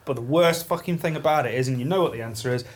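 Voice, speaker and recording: A man's voice: medium pitch, very fast. A man in casual podcast banter, ranting and swearing, often repeating words as he gets going. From Leicester, England. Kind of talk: casual banter among friends.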